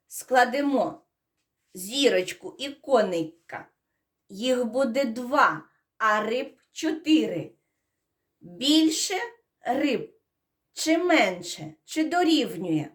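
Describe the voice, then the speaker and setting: A woman's voice: fairly high pitch, animated, takes it slowly, long pauses. A woman, a preschool teacher, giving a counting and first-sound lesson to young children, asking questions and prompting answers. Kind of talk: early-years counting and phonics lesson.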